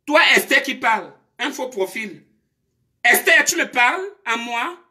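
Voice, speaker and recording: A woman's voice: on the high side, lively intonation, unhurried, pushed and bright. A woman, scolding her commenters during a live stream with confrontational rhetorical questions.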